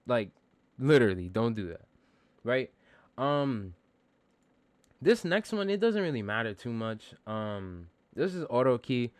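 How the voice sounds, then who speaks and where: A bass-voiced man gives a laid-back, slang-heavy tutorial on music production, joking at his own expense and swearing now and then. There's no echo on the recording.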